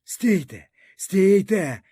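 An anguished peasant leader, as a male reader plays him begs and pleads in a raised, urgent voice. The tone is husky and mellow, and his pitch swings widely between phrases. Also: sing-song, unhurried, no room sound, heavily acted. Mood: desperate.

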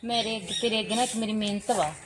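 A woman playing a childless village woman who halts and pleads softly with her sister-in-law for a son. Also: mid-range voice, fairly even intonation, close to an everyday voice. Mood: pleading. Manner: pleading, halting, soft-spoken. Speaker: sister-in-law's visitor. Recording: loud background noise, crows cawing.

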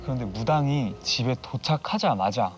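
A man telling a ghost story on a TV studio set, building suspense with drawn-out pauses. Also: medium pitch, lively intonation. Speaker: storyteller on a horror talk show. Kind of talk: dramatic ghost-story narration. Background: eerie background music.

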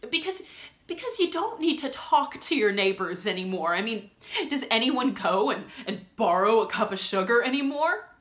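A young woman acting a stage monologue as a rambling, self-conscious, lonely woman, halting and repeating her words in an emotional way. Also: a little high, very animated, fairly bright tone. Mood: nervous, incredulous. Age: young adult. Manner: halting, rambling, repeating words, swinging between nervous laughter and tearfulness. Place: small room indoors with bare wall. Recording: roomy echo.

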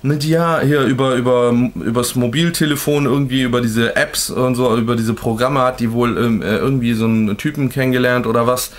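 Here a young man tells a personal story to his camera in a loose, rambling way. He leans on slang and keeps stopping to restart his sentences. His voice sits at an ordinary middle pitch for a man. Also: fairly even intonation, a little fast, hardly any pauses. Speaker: vlogger. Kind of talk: casual storytelling.

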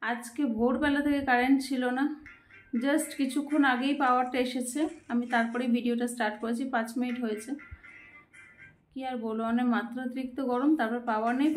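A young woman chatting casually in a home vlog from her kitchen, complaining about the heat. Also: fairly high pitch. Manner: speaks softly so her sleeping child won't wake. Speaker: vlogger. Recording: echoey room with faint background noise.

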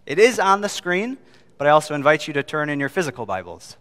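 A man's voice: fairly high pitch, big pitch swings, fast talker, a bit bright, dry recording. A man who is a pastor, preaching a sermon and reading scripture aloud, earnest and asking the congregation questions.

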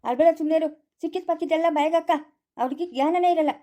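A woman with a Chikkaballapura Kannada accent, loudly scolding in a rural family skit. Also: extremely high pitch, rapid-fire. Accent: Kannada, Chikkaballapura area. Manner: loud scolding village dialect.

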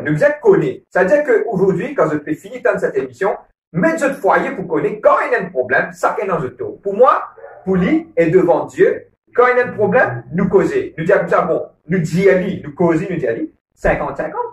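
Here a married churchgoer on a couples program gives a casual talk on marriage in a Mauritian Creole accent, earnest and repetitive, checking in with "ok?" again and again. His pitch sits high, his delivery is very animated, and he moves at normal speed. The mic is distant, so the room's echo comes through.

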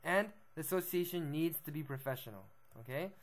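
Young male b-boy vlogger, a little high-pitched, laid-back lecture tone, constant "right?" check-ins. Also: expressive, fairly quick. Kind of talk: casual explanatory monologue.

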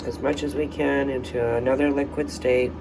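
A man's voice: medium pitch, level tone, moderate pace, creaky. Chatty man vlogging at home, distant mic. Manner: chatty, thinking aloud with fillers. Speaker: soap-making vlogger. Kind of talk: casual how-to vlog. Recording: distant mic, air-conditioner hum.

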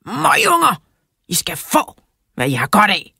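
An angry, bitter hairdresser, voiced by a woman reading aloud shouts his complaints in a children's audiobook. His voice is raised and loud, a husky tone heard close and dry. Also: medium pitch, huge pitch swings, dry recording, voice pushed up, full character voice. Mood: furious. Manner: shouting, indignant. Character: angry grown man, a neighborhood hairdresser, bitter.

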